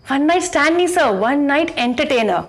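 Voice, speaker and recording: A woman playing a high-voiced sassy scam agent. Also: animated. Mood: persuasive. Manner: sassy, quick retorts. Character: pushy young female scam-call agent. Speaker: call center agent. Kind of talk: comedy sketch phone call.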